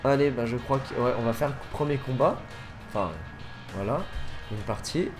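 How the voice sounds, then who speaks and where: A gaming YouTuber talks casually over his gameplay with music playing, his voice medium in pitch and moderate in pace. He rambles, fills gaps with fillers, and often corrects himself mid-sentence.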